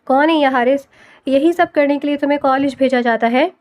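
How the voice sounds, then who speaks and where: A woman voicing a stern, angry middle-aged aunt who scolds with sharp questions. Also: high voice, natural voice. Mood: scolding.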